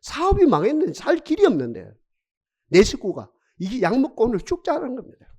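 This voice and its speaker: Male pastor, sermon; extremely lively pitch, dramatic with rhetorical questions. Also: fairly quick, slightly rough. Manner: dramatic preaching, rhetorical questions, swings from loud to hushed. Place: church sanctuary.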